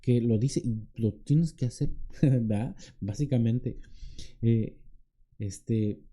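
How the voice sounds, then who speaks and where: A man's voice: slow, dark tone. A man serving as a deacon, preaching a conversational sermon that often turns to questions for the congregation and acts out quoted lines in a raised voice. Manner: acts out quoted pleading in a higher voice.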